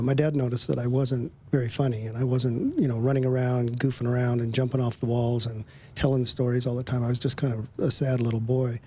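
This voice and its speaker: A man telling a personal story in an interview, relaxed, with frequent ums and little chuckles between phrases. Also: medium pitch, a little hiss or hum. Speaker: guest.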